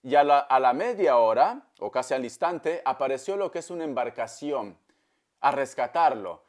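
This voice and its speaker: A man's voice: medium pitch, lively intonation, normal speed. A man giving a tarot reading, telling a parable and calling the listener darling, with frequent talk of God. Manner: calls the listener "darling" often, preachy storytelling; religious, invokes God often. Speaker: tarot reader. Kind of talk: tarot reading monologue to camera.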